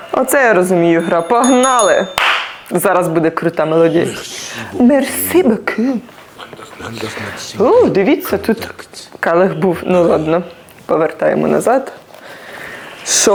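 Middle-aged woman, slow and very expressive, gameplay commentary with an orchestra playing behind. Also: mid-range voice, noisy background. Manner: animated, exclamatory, talks to viewers while playing. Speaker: mother playing a VR conductor game. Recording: orchestral game music loud behind her.

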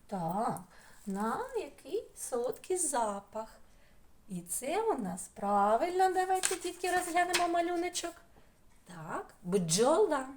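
Woman, preschool teacher leading an online phonics lesson, slow and sing-song, drawing out each sound. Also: medium pitch, darkish tone, a little hiss or hum. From Ukraine. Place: home, distance lesson.

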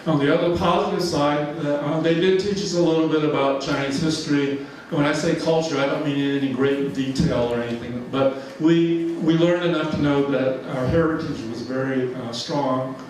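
A man in his seventies from Georgia, USA, gives an informal slide talk in a large church hall, rambling with many fillers and frequent chuckles. His voice is on the high side and a little mellow, with fairly even intonation, a moderate pace and few pauses. The far-off mic picks up an echoey hall and slight background noise.

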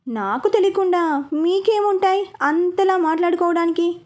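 A woman voicing a sharp-tongued, suspicious young woman who is an elder sister in a story. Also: high voice, lively intonation, moderate pace.

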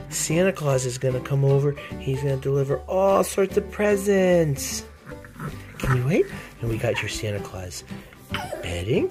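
Doting dad in sing-song baby talk. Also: male voice, mid-range voice. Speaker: father.

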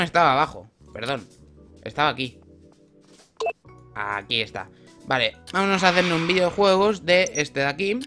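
A lively young guy with a medium-pitched voice, a gaming YouTuber doing casual let's-play commentary. He jokes around, swears, and talks to the game characters.

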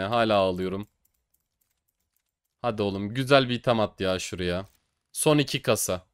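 Excitable young man, dry close sound. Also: on the low side, clean tone, no echo. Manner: excitable, swings between boasting shouts and mock crying. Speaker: gaming streamer. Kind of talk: casual case-opening commentary.

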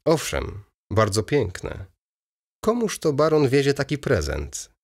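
A man's voice: medium pitch, big pitch swings, slow pace, gravelly, pitched above the performer's own voice, exaggerated voice. A man reading an audiobook voices a weary, brooding middle-aged merchant with restrained, terse replies.

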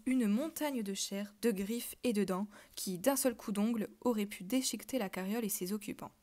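A woman reading a children's novel aloud, telling the story softly and dropping to a whisper at tense moments. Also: a little high. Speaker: reader.

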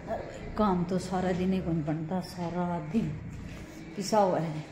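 A woman's voice: lowish voice, fairly even intonation, a little slow. A middle-aged woman with a Haryanvi accent, chatting casually to camera at home as a family vlogger. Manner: chatty, rambling, homely. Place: at home, indoors. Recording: echoey room with loud background noise and passing vehicles.

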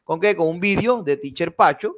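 A man's voice: high voice, expressive, normal speed, a bit bright. A man teaching a live online English class, switching between Spanish and English and checking in with his students.

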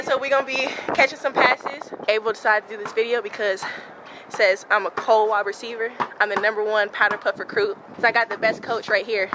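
A young woman in casual chat as a vlog guest, talking loudly and playfully outdoors. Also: a little high, heavy background noise. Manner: talks loudly on request, playful.

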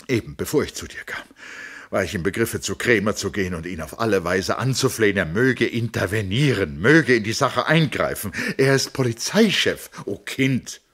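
A man's voice: a bit bright, slightly rough, exaggerated voice. A man reading a novel aloud, voicing a desperate middle-aged woman who pleads and sobs. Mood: frantic. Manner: pleading, sobbing, rising to high breaks.

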